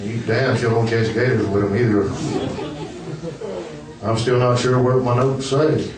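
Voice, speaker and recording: An older man doing a stand-up set in a comedy club, nervous and self-deprecating, with a halting delivery. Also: medium pitch, steady tone. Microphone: camera out in the audience. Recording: roomy club, distant camera mic, laughing crowd. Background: audience laughter.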